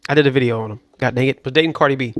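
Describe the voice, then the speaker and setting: A man's voice: medium pitch, very fast, fairly bright tone, no echo, clean studio sound. A man hosting casual reaction commentary, loose and joking, sometimes dropping into mutters. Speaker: commentary host.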